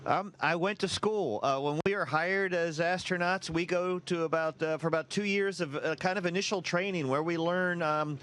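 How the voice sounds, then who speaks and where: A male astronaut answers questions for an educational interview. His voice sits somewhat high for a man, and he explains things plainly and informally. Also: moderate pace, hardly any pauses, a bit bright, smooth. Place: aboard a space station.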